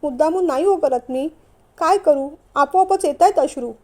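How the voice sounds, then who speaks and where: A woman's voice: high voice, normal speed, a little mellow, natural voice. A woman voicing a timid, tearful young wife who speaks hesitantly in a storybook reading.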